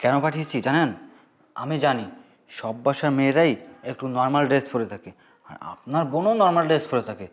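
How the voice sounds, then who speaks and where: A man's voice: medium pitch, quick pace, pauses often, lightly acted. An actor playing a scheming young man who plants a hidden camera out of revenge, speaking with brazen, taunting boldness.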